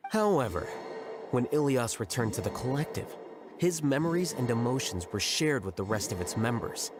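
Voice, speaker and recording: An actor playing an aloof young scholar in a game, speaking precisely and unruffled in a matter-of-fact way. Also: male voice, medium pitch, natural voice. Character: coolly logical, aloof young male scholar. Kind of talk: voiced game dialogue.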